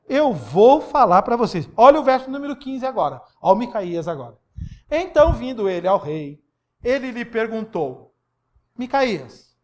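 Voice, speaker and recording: A middle-aged man with a Brazilian accent preaching a sermon, reading Bible verses and acting out the speakers with sudden loud bursts and leaps in his voice. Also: very high voice. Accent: Brazilian Portuguese. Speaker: pastor.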